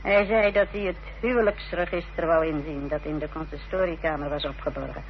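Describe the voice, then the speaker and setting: In a Dutch radio play, an actress portrays an unrepentant, defiant village wife confessing her part in a fraud, telling her story in a self-justifying, matter-of-fact and confiding way. Her low voice is brisk with fairly even intonation, heard through a dull old radio recording full of hiss and hum.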